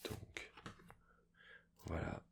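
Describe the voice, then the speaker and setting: A man speaking in a hushed, soft-spoken ASMR manner, slipping into whispers, with a husky, breathy voice, chatting casually as a host. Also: extremely slow, slight background noise. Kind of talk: soft-spoken ASMR, casual chat about book purchases.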